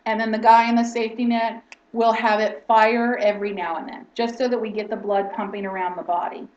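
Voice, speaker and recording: A woman's voice: a little high, level tone, fairly quick, a little mellow. A woman instructor teaching a lesson in lecture style, explaining step by step and often checking in with "okay?". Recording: roomy, distant, dull lo-fi sound.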